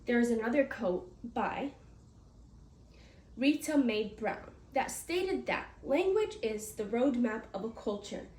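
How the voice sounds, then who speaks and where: Slow and darkish in tone yet lively in intonation, a high-leaning voice carries an American teen girl's prepared class speech. She's earnest and makes a few small slips and restarts, recorded by a far-off mic in an echoey room with faint noise.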